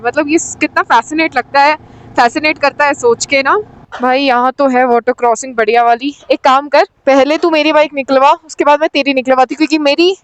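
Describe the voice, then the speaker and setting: A woman motorcycle vlogger chatting casually as she rides outdoors on a mountain road, thinking aloud and calling everyone brother. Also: sits high. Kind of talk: casual chat while riding.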